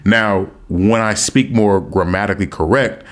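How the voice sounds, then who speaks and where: A man's voice: on the low side, moderate pace. A man from the United States chatting casually and slangily, with some swearing and bits of Spanish mixed in. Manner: slangy, profane, mixes in Spanish phrases. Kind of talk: casual chat about language learning.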